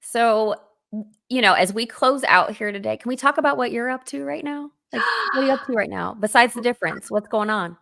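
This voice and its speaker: A woman's voice: fairly high pitch, animated, fairly quick, gravelly, a bit bright. A woman hosting a casual interview who speaks familiarly and openly about her own life. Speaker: host.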